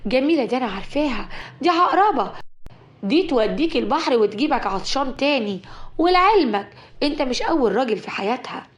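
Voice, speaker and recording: A woman voicing a spiteful, jealous young woman, loud and taunting, with an Egyptian accent. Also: sits high, expressive, fast, a little hiss or hum. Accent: Egyptian Arabic.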